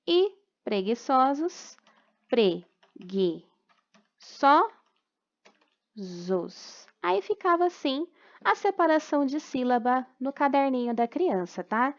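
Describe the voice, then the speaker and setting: A Brazilian woman teacher with a fairly high voice talks parents through homework corrections in a patient, explanatory way, pausing often to check they follow. The recording is dull and lo-fi, made at home. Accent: Brazilian Portuguese. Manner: patient, explanatory, frequent check-ins, slow syllable-by-syllable dictation. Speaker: primary school teacher. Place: at home during quarantine.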